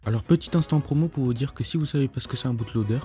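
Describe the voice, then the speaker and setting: A man's voice: medium pitch, very fast, warm tone. Laid-back French guy vlogging over music. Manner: laid-back, frequent hesitations, mild swearing. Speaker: tech YouTuber. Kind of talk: casual tech vlog narration. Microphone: cheap microphone.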